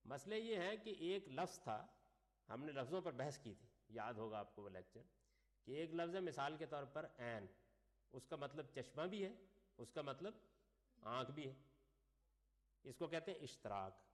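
A man's voice: on the high side, expressive, pauses often. A man giving a classroom lecture, reading Arabic phrases and then explaining them while putting questions to his class. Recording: long reverb of a lecture hall.

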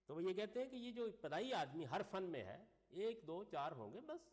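Man lecturing with a lively pitch. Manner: reads Arabic phrases, then explains them with questions to the class. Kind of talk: classroom lecture explaining an Arabic text. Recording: long reverb of a lecture hall.

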